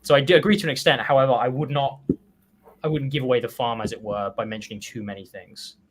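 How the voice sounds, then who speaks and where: A man co-hosting a casual panel review of writing, relaxed and hedging, with frequent fillers and restarts. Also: medium pitch, fast. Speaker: co-host reviewing copywriting.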